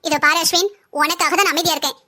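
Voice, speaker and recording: A woman voicing a bossy, sharp-tongued older sister-in-law who taunts and scolds in a cartoon family story. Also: extremely high pitch, steady tone, rapid-fire. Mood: scolding.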